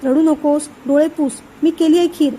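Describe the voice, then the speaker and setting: A woman reading a kind young brother-in-law's lines in a gentle, reassuring way. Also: high voice, fairly even intonation, normal speed, slight background noise, natural voice.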